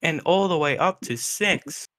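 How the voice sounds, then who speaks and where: A man's voice: on the high side, measured pace, pushed and bright. A man co-commentating a sim race, giving play-by-play calls with hesitant fillers. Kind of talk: casual sim racing commentary.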